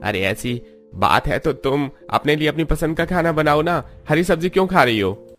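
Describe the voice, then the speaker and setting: Cartoon husband, young, gentle and caring, voiced by a man. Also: fairly high pitch, lively intonation, normal speed, faint music behind. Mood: concerned.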